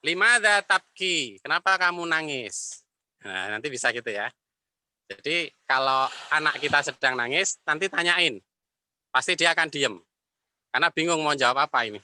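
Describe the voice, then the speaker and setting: A man teaching an Arabic class, explaining patiently and repeating phrases slowly. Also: medium pitch, bright, forceful tone, dry recording. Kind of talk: online class lecture.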